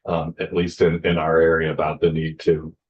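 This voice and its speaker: A middle-aged man speaks in a very low, level voice, giving steady testimony to a legislative committee. He keeps a matter-of-fact tone and drops in a few "uh" fillers. The audio sounds a bit muffled and dull. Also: moderate pace. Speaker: town manager testifying. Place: legislative hearing room.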